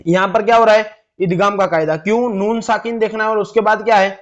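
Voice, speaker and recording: A man's voice: high voice, fairly even intonation, fast talker, lo-fi sound. A man teaching Quran reading who drags out each syllable as he spells words. He asks questions and answers them himself. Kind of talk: step-by-step recitation lesson.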